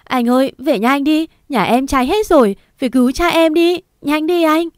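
A woman's voice: on the high side, expressive, a little slow, no echo, clean studio sound, pitched above the performer's own voice. Woman voicing a sobbing young woman crying for her father. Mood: frantic. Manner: frantic, pleading shouts.

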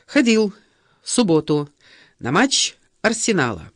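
Audiobook bit: woman reading a jittery, too-loud male math teacher, bouncy pitch. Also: huge pitch swings, slow pace, breathy edge, no echo, studio quality, exaggerated voice. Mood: boisterous. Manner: blurting, yelps louder than needed.

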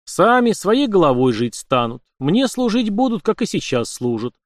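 A confident young nobleman who gives orders calmly and with a dry wit, as a male reader voices him. His voice is a touch high and very lively. It is close and dry. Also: normal speed, dry recording. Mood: persuasive. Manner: assured, matter-of-fact and commanding. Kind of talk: audiobook character voice.

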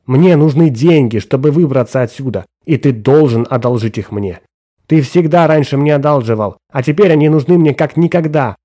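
A man voicing a desperate middle-aged clerk who insists he is alive, pleading and nearly shouting. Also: mid-range voice, moderate pace, close to an everyday voice.

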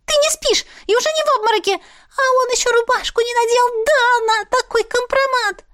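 A woman voicing a cheeky, nosy little female pet creature that squeals and teases in a drawn-out way. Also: very high-pitched, fairly bright tone, pitched above the performer's own voice. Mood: mocking.

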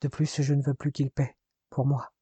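A man's voice: mid-range voice, completely flat delivery, moderate pace, mellow, breathy edge, no echo, highs cut off. A man reading aloud voices a distressed young woman who pleads formally for help. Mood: anxious.

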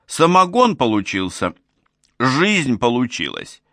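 A man voicing a drunk, dazed young village scientist who talks in an excited slur. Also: mid-range voice, slow, no room sound, clean studio sound, voice pushed up, heavily acted.

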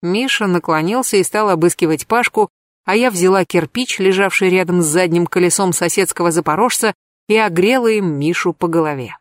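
A woman narrating a comic crime novel in the first person, in a lively, ironic storytelling manner. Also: on the low side, brisk, no echo, studio quality. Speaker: audiobook narrator.

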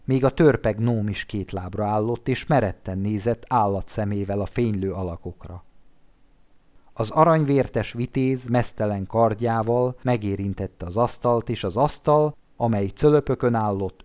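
A man's voice: on the low side, a little mellow. Man narrating a classic tale. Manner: measured, dramatic reading. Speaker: audiobook narrator. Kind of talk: scripted literary narration.

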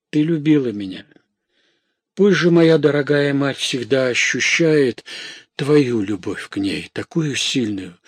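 A man's voice: mid-range voice, husky, no echo, pitched above the performer's own voice. A man reading an audiobook, voicing a young woman on her deathbed, speaking weakly and tenderly. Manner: weak, tender, halting. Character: young woman dying, gentle and forgiving.

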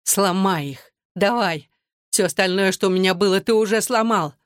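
A reader voicing an adult woman, a betrayed wife, shouting and bitter through tears in an audiobook. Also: medium pitch, moderate pace, smooth, no echo, studio quality, close to an everyday voice. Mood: anguished. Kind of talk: audiobook narration.

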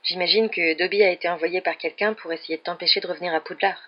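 A reader voicing a confident, clever teenage boy who explains things calmly, in a slightly muffled, lo-fi recording. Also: medium pitch, quick pace, natural voice.

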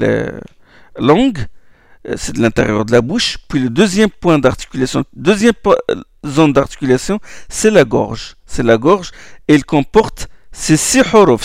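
A man teaching Quran recitation, explaining letter sounds slowly with many hesitations and checks like "hmm?", and demonstrating sounds aloud. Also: mid-range voice, gravelly, no echo, studio quality. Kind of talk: slow classroom explanation.

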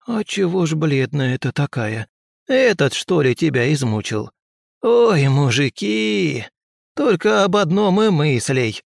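A man's voice: a little high, big pitch swings, slow, creaky, dry recording, clean studio sound, pitched above the performer's own voice, full character voice. A man voicing a shrewd, bossy old village wise woman with a folksy, scolding manner. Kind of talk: audiobook character voice.

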